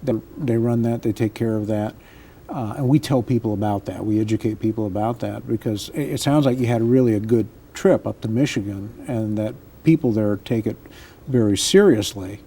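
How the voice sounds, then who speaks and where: Mellow, hesitant American man hosting a discussion. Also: fairly low pitch, normal speed, husky. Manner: hesitant, searching for words. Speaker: public access show host. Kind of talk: casual panel talk.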